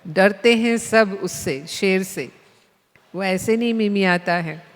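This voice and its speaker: A woman's voice: medium pitch, slow pace, natural voice. A woman voicing a grown male lion, a kind and patient teacher who speaks firmly and coaxingly to a cub. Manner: firm, coaxing. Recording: long hall reverb.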